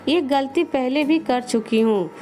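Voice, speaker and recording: Lady reading as a grieving mother begging her son, high voice, faint music. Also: measured pace, darkish tone. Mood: pleading.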